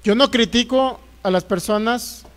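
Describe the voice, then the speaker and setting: High-voiced Mexican pastor preaching. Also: male voice, unhurried, a bit bright. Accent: Mexican, Jalisco. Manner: jokey, rhetorical questions, folksy. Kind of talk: sermon.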